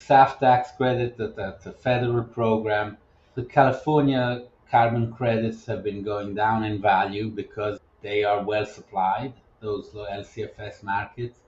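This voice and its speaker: A man who works as a business development advisor, answering interview questions in a measured, explanatory way and often restarting his sentences. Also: fairly low pitch, fairly even intonation, a little mellow, roomy sound, lo-fi sound.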